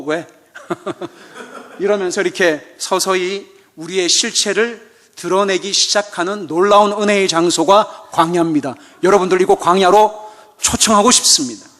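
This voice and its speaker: A man's voice: high voice, fairly bright tone. A man preaching a sermon as a missionary, telling a story and acting out church members' chatter with humor. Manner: humorous, asks the audience "그죠?". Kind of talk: sermon at an evening church service. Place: church sanctuary.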